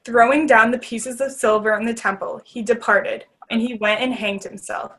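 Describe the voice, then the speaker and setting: A woman narrator giving a measured, formal reading of scripture for readers theater. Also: fairly high pitch, fairly even intonation, fairly bright tone, a little hiss or hum, rough recording.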